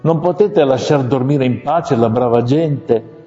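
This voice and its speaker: A man's voice: medium pitch, expressive, unhurried, mellow. A man voicing a tiny, bold male gnat who talks back indignantly in a storybook tale. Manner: indignant, cocky. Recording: long reverb, muffled, faint music.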